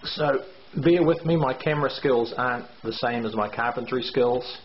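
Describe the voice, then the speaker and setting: Filmed on a handheld camera mic, a middle-aged man speaks at medium pitch and a moderate pace while touring a house under renovation. This contractor explains construction details hesitantly, using many fillers, from a bare brick basement indoors, and the lo-fi audio is dull and echoey with a faint hiss.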